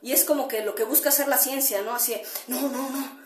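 A woman's voice: on the high side, fast talker, echoey room, slight background noise. A woman hosting a casual solo podcast, rambling with many fillers and tag questions and greeting listeners as she goes. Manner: greets listeners mid-talk. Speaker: podcast host.

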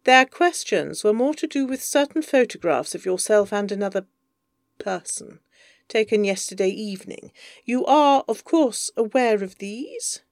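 A woman's voice: medium pitch, animated, unhurried, no echo, clean studio sound. A woman voicing a prim, disapproving mother who speaks in a clipped, formal way. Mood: cold. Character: prim, cold, disapproving middle-aged mother.

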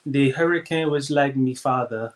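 Deadpan Jamaican woman as a man mimics her, flat delivery, mid-pitched voice. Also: moderate pace, close to an everyday voice. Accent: Jamaican imitation. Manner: flat, no expression.

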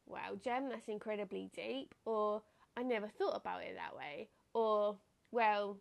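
A young woman hosts her own podcast, speaking in a medium-pitched, unhurried, creaky voice that sounds a bit nasal and stuffed-up. Her solo talk is casual, chatty and reflective, and she laughs often.

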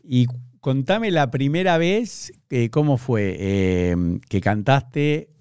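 A man's voice: medium pitch, expressive, slow pace, a little mellow, smooth, no echo, clean studio sound. A man with an Argentine accent, interviewing a guest in a chatty, rambling, enthusiastic way. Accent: Argentine Spanish. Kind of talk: casual interview chat.

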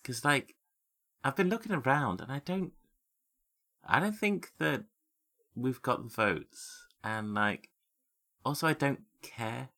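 A man's voice: mid-range voice, expressive, slow pace, long pauses, bright, forceful tone. A man playing a tabletop game, talking in a hesitant, rambling way with many fillers. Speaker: player. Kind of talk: casual tabletop role-play.

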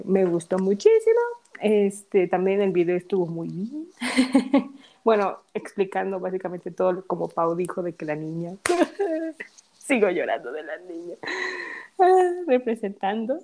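A woman's voice: mid-range voice, big pitch swings, unhurried, long pauses, mellow. A young woman, chatting casually as a podcast co-host, gushing and giggling as a fan. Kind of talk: casual chat.

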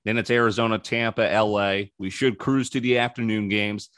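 A man's voice: fairly low pitch, steady tone, normal speed, fairly bright tone, no echo, clean studio sound. A man hosting a sports betting podcast, running through picks in a casual, opinionated way with frequent ums.

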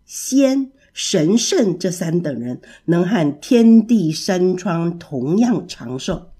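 A woman voicing a wise old male gibbon who explains things in a measured way, in a children's storybook reading. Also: fairly low pitch, very animated, mellow, slightly rough, pitched below the performer's own voice, full character voice. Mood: knowing.

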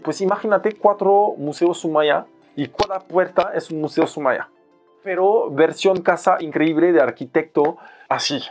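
A young man from France with a French accent, a photographer telling an animated story in a podcast conversation and mixing in Mexican slang. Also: fairly high pitch, a little slow, soft background music. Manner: animated, playfully acts out other people's lines in raised voices, uses Mexican slang. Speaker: photographer guest.

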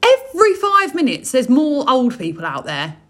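A woman's voice: high voice, wildly swooping pitch, normal speed, a bit bright. A young woman co-hosting a casual chat with her mother, teasing and dramatic, often laughing. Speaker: podcast co-host, daughter.

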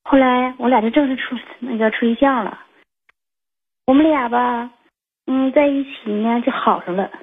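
A woman's voice: a little high, moderate pace, breathy edge. A woman, calling in and telling a personal story in a rambling way, full of fillers and restarts. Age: 20s. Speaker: caller. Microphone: phone. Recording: tinny phone line.

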